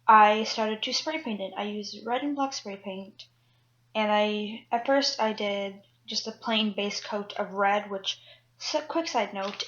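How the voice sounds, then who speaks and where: A woman's voice: medium pitch, fairly bright tone, highs cut off. A woman cosplay vlogger talking through a costume build in a chatty, rambling way, mocking herself and swearing casually. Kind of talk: casual chat and voiceover tutorial.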